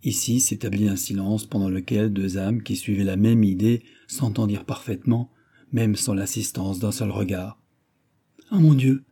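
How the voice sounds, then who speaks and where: A man reading a classic novel aloud as an audiobook narrator, measured and even. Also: on the low side, husky.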